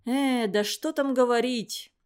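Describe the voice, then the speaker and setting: A grieving middle-aged village doctor, as a woman reads him, his speech pained and halting, broken into short phrases. The voice stays fairly high and light for a man. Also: darkish tone, clear, resonant tone. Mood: anguished.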